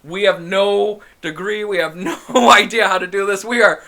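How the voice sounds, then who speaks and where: Bright-voiced young man hosting a podcast. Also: high voice, steady tone, moderate pace. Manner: laughs often, swears casually. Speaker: podcast host. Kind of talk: casual podcast chat.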